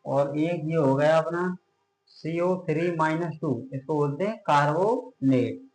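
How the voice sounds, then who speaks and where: A man teaches a science lesson at a board. His voice sits a little high and echoes around a bare room. He drills his points by asking a question and then answering it himself, stretching out each key term. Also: unhurried, a little mellow. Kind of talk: classroom chemistry lecture at a board.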